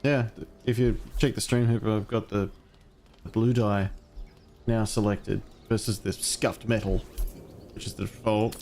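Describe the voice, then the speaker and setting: A man's voice: on the low side, flat delivery, a little slow, darkish tone, soft background music. A man streaming a video game, chatting casually with friends and swearing freely as he plays. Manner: swears freely, laughs along.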